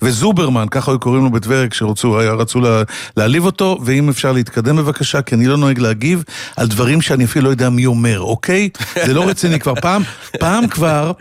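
A man's voice: medium pitch, animated, dry recording. Sarcastic male radio host, dry studio sound. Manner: sarcastic, mocking, unhurried. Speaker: radio morning show host. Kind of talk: heated on-air political debate.

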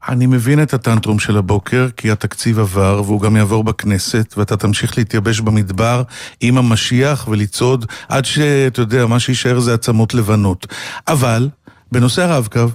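A man's voice: medium pitch, steady tone, no room sound. Sarcastic male radio host, dry studio sound. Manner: sarcastic, mocking, unhurried. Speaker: radio morning show host. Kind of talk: heated on-air political debate.

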